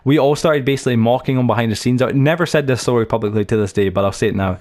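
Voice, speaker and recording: A man's voice: medium pitch, very fast, darkish tone. A young man hosting a game channel, giving a chatty, rambling tour full of stories, fillers and restarts. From United Kingdom. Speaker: gaming channel host. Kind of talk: rambling let's-play tour commentary.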